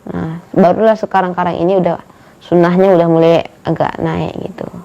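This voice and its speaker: A woman's voice: lowish voice, level tone, fairly quick, mellow. A woman, a mother, chatting casually in an interview and repeating herself for emphasis. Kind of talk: casual chat. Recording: muffled lo-fi recording.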